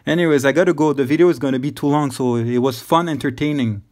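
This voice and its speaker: A man's voice: fairly high pitch, fast, a little mellow. A man hosting a scam-baiting video, taunting a caller with constant swearing and mocking laughs. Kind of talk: profane taunting phone call.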